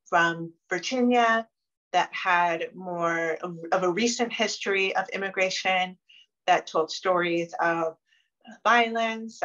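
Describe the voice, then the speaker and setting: A woman's voice: lowish voice, a bit bright. A woman from Maryland answering interview questions about her career in an earnest, reflective way. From Maryland, United States. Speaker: interviewee, consultant. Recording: dull lo-fi recording.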